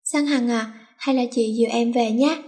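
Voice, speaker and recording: A woman's voice: on the high side, fairly even intonation, moderate pace, a little mellow, close to an everyday voice. A woman voicing an older schoolgirl bully who fakes concern and then pleads. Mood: pleading. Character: senior schoolgirl bully, falsely sweet.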